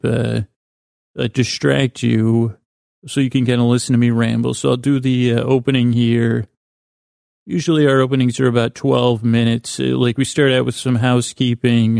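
A male podcast host with a creaky, middle-pitched voice murmurs a soothing, meandering bedtime monologue directly to the listener. His delivery is very flat, halting and stammering, with false starts and thoughts that trail off. The recording is close and dry.

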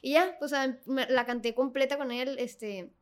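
High-voiced young woman. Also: measured pace, clean tone. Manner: animated, laughing, many fillers. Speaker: guest singer. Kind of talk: casual storytelling.

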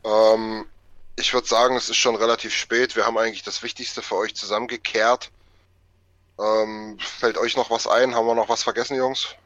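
A man hosting a casual German-language podcast chat, often chiming in with quick affirmations. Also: fairly low pitch, no echo. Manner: relaxed, quick affirming interjections. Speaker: podcast host. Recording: dull, dry home mic.

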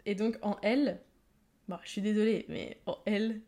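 A woman's voice: medium pitch, fairly even intonation, a little slow. A young woman from France hosting a podcast, chatting casually and prompting her guest with encouraging follow-up questions. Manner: warm-hearted, encouraging interviewer asking follow-ups. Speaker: podcast host. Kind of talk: casual chat.

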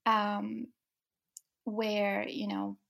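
A young woman from Denmark, an author interviewed as a guest, speaking softly with many ums and restarts. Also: medium pitch, little pitch movement, drawn-out words, vocal fry. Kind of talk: casual interview.

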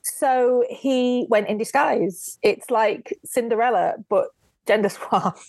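Woman guest, lively storyteller, close dry mic. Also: fairly high pitch, slow, vocal fry, dry recording. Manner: lively storyteller who acts out quotes. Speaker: guest author and historian. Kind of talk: casual podcast interview.

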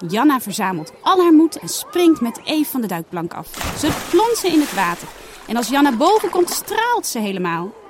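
A woman reads a children's storybook aloud with a lively, animated voice that rides high and swings widely in pitch. She brings each scene to life with expressive reading. There is a faint hum of outdoor ambience behind her. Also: normal speed. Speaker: storybook reader.

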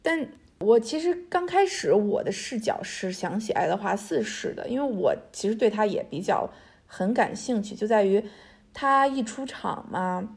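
A woman's voice: mid-range voice, lively intonation, moderate pace, a little mellow, slightly rough. A woman talking as a guest author, telling history in a casual, chatty, colloquial way and often checking that the listener follows. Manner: chatty, colloquial, often seeking agreement with tag questions. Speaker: author guest discussing their history book. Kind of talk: casual conversational storytelling.

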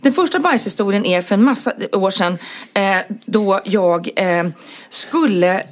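A woman telling a comic, self-mocking story in casual chat, lively and full of fillers. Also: mid-range voice. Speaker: podcast co-host telling stories.

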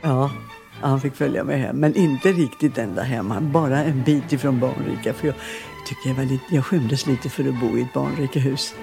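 An older singer from Skåne in southern Sweden is interviewed, and she tells chatty, rambling anecdotes, laughing easily. Her rumbling low, gravelly voice comes over music as she casually spins her stories.

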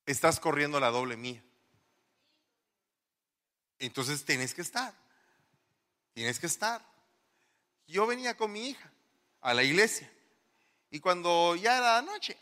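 A middle-aged male pastor giving an animated sermon in a church, firing rhetorical questions at the congregation. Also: a little high, unhurried, long pauses. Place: church hall. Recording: long church reverb.

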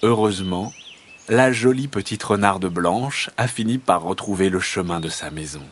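A man reading a children's story aloud in an expressive, lilting storyteller's voice. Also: low voice, moderate pace, slight background noise.

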